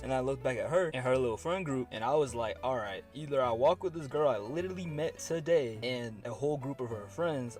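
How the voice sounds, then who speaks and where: A young man with an American accent tells a personal story in casual, slangy speech, acting out bits of dialogue. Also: mid-range voice. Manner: slangy, animated quoting of dialogue. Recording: music playing behind the voice. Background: music.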